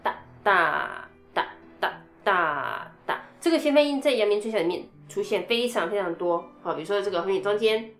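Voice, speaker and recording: A woman's voice: medium pitch, fast talker. Chatty woman flute teacher, echoey room. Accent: Taiwanese Mandarin. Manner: chatty, explains step by step with sung rhythm syllables. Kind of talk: instrument technique lesson. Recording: echoey room, faint music.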